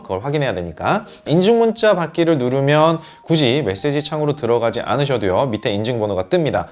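A young man hosting a smartphone tutorial for parents, explaining each step in a friendly way and addressing viewers as mothers and fathers. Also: medium pitch. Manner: addresses viewers as mothers and fathers, lively rising and falling delivery.

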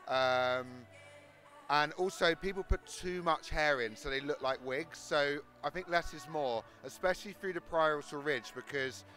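Male hairdresser, South London accent, slightly high voice, explaining technique into a handheld mic, faint music behind. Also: normal speed, sharp tone. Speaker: hairdresser demonstrating his technique. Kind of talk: explanatory interview and tutorial. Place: large exhibition hall backstage. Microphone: handheld interview microphone.

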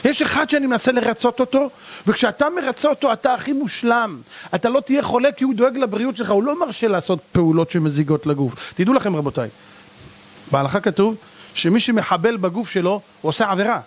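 A man giving a rabbi's sermon, scolding and mocking his listeners with a stream of blunt rhetorical questions. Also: sits high. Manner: animated, hammering rhetorical questions. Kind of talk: sermon to a live audience.

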